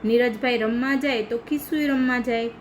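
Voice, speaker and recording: A woman from India, a primary school teacher, reading a story aloud to pupils and pausing to explain it patiently. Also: a little high, steady tone, slight background noise, rough recording.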